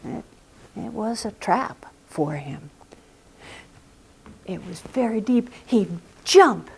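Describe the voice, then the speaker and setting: A woman's voice: medium pitch, lively intonation, takes it slowly, gravelly, breathy edge. A woman telling a folk tale live in a recording studio, dramatic and often dropping to a whisper. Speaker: storyteller.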